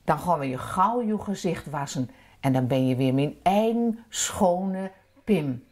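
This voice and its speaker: A woman's voice: sits low, lively intonation, unhurried, a little mellow. A woman as a kind gnome mother. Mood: motherly. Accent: Drents.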